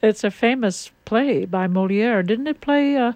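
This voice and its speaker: A woman hosting a casual radio chat, talking in an unhurried, chatty way with frequent fillers. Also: fairly high pitch, animated, darkish tone, dry recording. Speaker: radio host. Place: radio studio.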